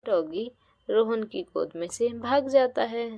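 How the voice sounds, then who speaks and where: A woman narrating a doll-play bedtime story in a calm voice. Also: on the high side, a little slow, vocal fry, dry recording.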